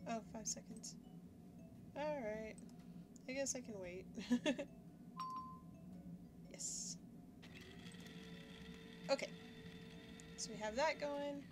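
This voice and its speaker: With a voice on the high side, a young woman talks very slowly and pauses often as music plays in the background. She's a gaming YouTuber giving casual, self-mocking commentary and thinking aloud while playing, recorded at home with a corner webcam and loud background noise.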